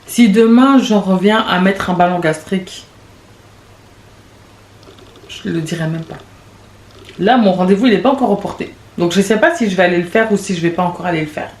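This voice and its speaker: A woman in her late twenties hosting a podcast, talking in a rambling, confessional way with quick restarts and laughs. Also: mid-range voice, darkish tone. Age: late 20s. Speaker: podcast host. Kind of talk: casual confessional monologue. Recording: echoey room with faint background noise.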